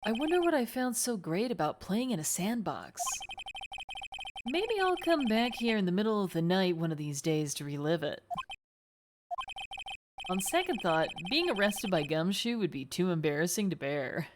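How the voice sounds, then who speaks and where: A woman's voice: fairly low pitch, normal speed, pauses often, background noise. Woman reading as a wry young lawyer. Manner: calm, wry reading aloud. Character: young male defense lawyer musing to himself. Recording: game music behind.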